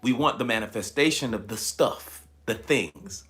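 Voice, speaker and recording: A man with a bright, forceful voice, an average male pitch and a moderate pace speaks in the preaching style of a motivational livestream host, hitting key phrases and repeating them for emphasis. A slight rasp of tiredness lingers in his voice from shouting the night before.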